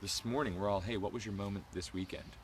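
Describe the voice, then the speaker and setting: A man co-hosting a vlog, chatting excitedly and rambling in a casual recap. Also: on the low side, quick pace, slight background noise. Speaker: vlog co-host. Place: outdoor campground.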